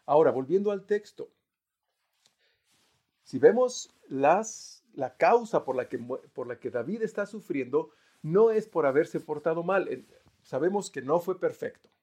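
An earnest male pastor delivering a sermon in a somewhat high voice. He swells to emphatic peaks and then sinks to near-murmured endings, now and then stopping to restart a phrase. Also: lively intonation, unhurried, darkish tone, husky.

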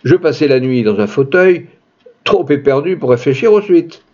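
A man reads a classic tale aloud with a husky, mellow voice. His delivery swings widely in pitch for dramatic effect. The recording sounds slightly dull and lo-fi. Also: animated, moderate pace. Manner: dramatic, shifting pitch for emphasis. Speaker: storyteller reading a classic tale. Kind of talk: expressive literary reading.

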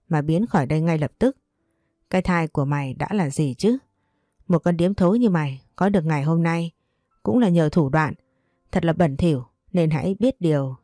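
A spiteful young wife hurls insults at a rapid clip, put on by a woman narrator. The voice sits low and mellow, and the sound is dry and close. The character is contemptuous, crude and bullying. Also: dry recording, close to an everyday voice.

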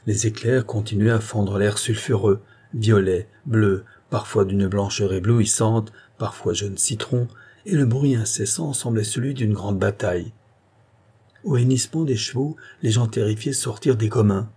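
A man narrating a classic novel in a measured, literary reading style. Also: on the low side, dark tone, breathy edge. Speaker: audiobook narrator. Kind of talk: scripted narration.

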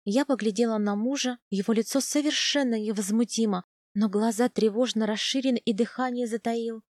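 A woman narrating a novel in the first person, measured and softening on quiet lines. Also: on the high side, steady tone, dry recording, studio quality. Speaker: audiobook narrator.

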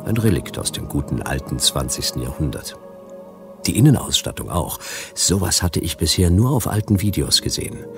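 A wry hardboiled detective over music. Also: male voice, sits low, very animated, moderate pace, gravelly, exaggerated voice. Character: world-weary male detective narrating in first person. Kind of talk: noir-style radio drama narration.

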